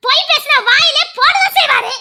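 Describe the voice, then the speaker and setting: A woman's voice: very high voice, a little fast, noisy background. A woman voicing an indignant young wife who sharply scolds the men and defends her husband in an audio family drama.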